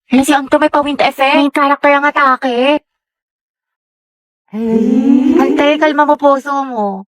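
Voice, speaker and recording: A woman's voice: sits high, steady tone, measured pace. A young woman acting in comedy skits, quizzical and teasing.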